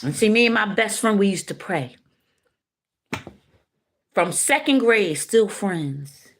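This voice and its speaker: A middle-aged woman telling an emotional healing testimony straight to her listeners, preachy and impassioned, with sudden high, loud bursts. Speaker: speaker sharing a healing testimony. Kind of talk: emotional testimony addressed to the audience.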